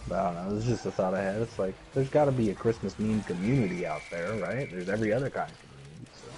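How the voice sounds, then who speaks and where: Rambling low-voiced man chatting over a game. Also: animated, quick pace, darkish tone. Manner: rambling, heavy use of "like" fillers. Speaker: gaming video co-host. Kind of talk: casual chat while playing.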